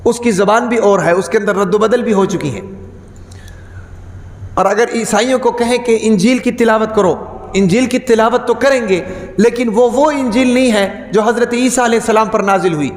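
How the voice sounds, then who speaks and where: A man giving a Friday sermon, who keeps putting rhetorical questions to the congregation and repeats key words for emphasis. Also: high-pitched. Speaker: preacher. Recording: echoey hall with long reverb.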